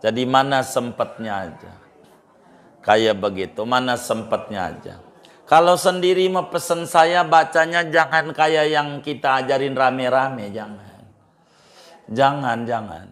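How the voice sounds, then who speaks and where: A man's voice: mid-range voice, fairly even intonation, a little slow, fairly bright tone. A man preaching in an informal, emphatic way, answering questions and repeating phrases for stress. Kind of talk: casual religious advice talk.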